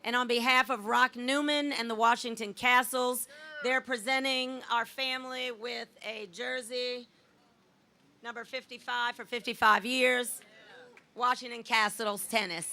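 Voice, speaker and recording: Gravelly, bright-voiced woman giving thanks. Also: fairly high pitch, fairly even intonation, measured pace. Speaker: family member thanking guests. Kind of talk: short public thanks.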